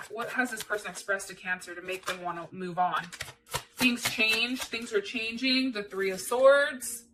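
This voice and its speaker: Her voice a little high, pushed and bright, a channel host offers an informal, candid tarot reading, repeating phrases for emphasis and swearing mildly as she chats. Clicks and background noise come through a distant mic.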